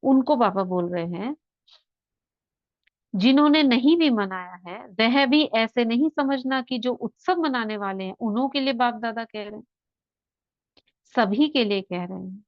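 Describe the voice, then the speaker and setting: A woman's voice: fairly high pitch, moderate pace, dry recording. A woman teaching a spiritual class, explaining patiently and putting rhetorical questions to her listeners before guiding them through a visualization. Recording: dull lo-fi dry recording.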